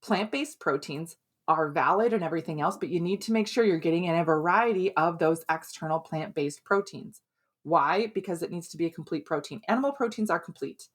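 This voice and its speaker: A middle-aged woman from Minnesota giving casual health advice, chatty and quick with asides, often tagging on "right?". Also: lowish voice, husky. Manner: chatty, keeps asking "right?". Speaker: health and hormone coach. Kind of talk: casual advice talk to camera.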